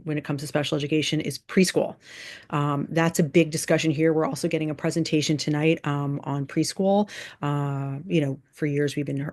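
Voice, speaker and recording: On a video call, a school board chair gives informal remarks at a meeting, thinking aloud haltingly and repeating phrases. Her voice sits low with a darkish tone.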